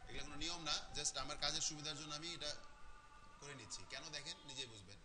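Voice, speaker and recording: A man teaching a graphic design class, walking students through software steps in a casual way, often checking in with "okay?". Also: fairly high pitch, fast talker. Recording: noisy classroom recording.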